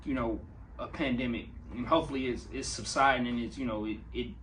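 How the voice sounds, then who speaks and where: A man hosting a radio interview, asking questions in a relaxed, easygoing way. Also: medium pitch, fast talker, recorded from a distance. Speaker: radio host. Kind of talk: casual interview chat. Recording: off mic with faint background noise.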